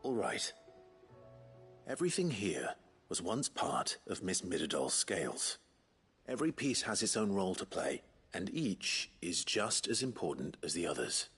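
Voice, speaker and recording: A man playing a calm, courteous guardian and mentor in a fantasy drama, speaking in a measured, gently instructive and formal way. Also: sits low, breathy edge, faint music behind, exaggerated voice. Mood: patient, instructive. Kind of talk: scripted fantasy drama acting.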